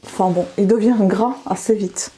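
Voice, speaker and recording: In her home bathroom, a middle-aged woman works through her evening skincare while chatting to the camera for her beauty vlog. Her voice sits at medium pitch, slightly rough, and she talks at a normal speed in an easygoing, chatty way.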